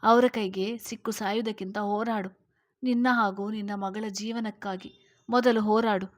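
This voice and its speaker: A woman's voice: mid-range voice, steady tone, natural voice. Woman doing a firm, take-charge young friend. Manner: firm, commanding, brisk instructions.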